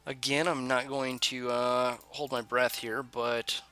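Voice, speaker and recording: Bright-voiced man rambling over gameplay. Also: mid-range voice, little pitch movement, slow pace, faint music behind. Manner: rambling, self-correcting, thinks aloud. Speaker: let's play host. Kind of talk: casual gameplay commentary.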